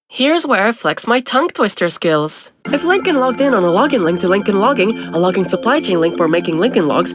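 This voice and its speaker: A woman voicing a sarcastic, easily exasperated young trivia host in a video game, delivering questions with a teasing edge. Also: a little high. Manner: snarky, teasing quiz-show delivery. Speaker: quiz host. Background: game music.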